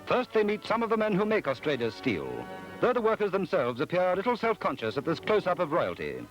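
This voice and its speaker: A man's voice: high-pitched, very animated, fairly quick, rough recording. A man narrating an old newsreel in a stately, formal announcer's delivery. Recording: old newsreel soundtrack with loud music.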